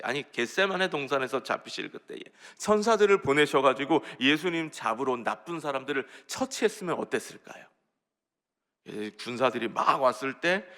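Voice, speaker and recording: A man's voice: medium pitch, pushed and bright. A male pastor giving an early-morning sermon in a church, talking conversationally and putting questions to the congregation.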